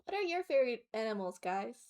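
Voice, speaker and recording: Cutesy, high-voiced woman streamer. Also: sing-song, quick pace, a little mellow. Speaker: streamer reacting to videos. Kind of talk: casual reaction commentary. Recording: music behind the voice. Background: background music.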